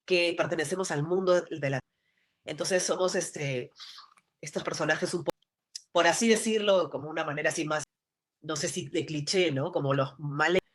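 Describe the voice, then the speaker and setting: With a deep voice at normal speed, a Peruvian actress from Lima rambles casually in an interview, her Lima Peruvian Spanish peppered with fillers and restarts.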